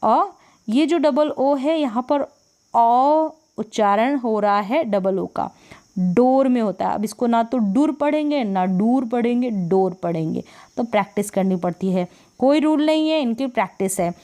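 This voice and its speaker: A woman's voice: a little high, expressive, a little mellow. A woman teaching English spelling and pronunciation, patiently repeating and drilling each word. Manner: patient, repeats words slowly and drills them.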